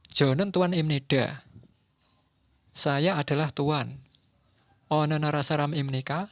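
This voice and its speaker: A man slowly reading a textbook language lesson, saying each word and then its translation. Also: medium pitch, fairly bright tone, dry recording, dull audio. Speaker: language teacher.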